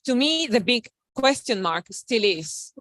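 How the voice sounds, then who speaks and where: A woman's voice: fairly high pitch, big pitch swings, measured pace, fairly bright tone, no echo, low-quality recording. Emphatic woman panelist. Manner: fluent, emphatic, rhetorical questions. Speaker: panelist, health researcher. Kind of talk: panel discussion remarks.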